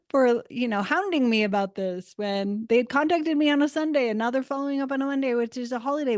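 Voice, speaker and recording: A woman talks through her work and her everyday stories in a relaxed interview. Her delivery is reflective but animated, full of casual "like"s. The recording is close and dry, with no room sound. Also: a little high, no room sound. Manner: reflective, animated storytelling with frequent "like". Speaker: guest, Akashic Records practitioner.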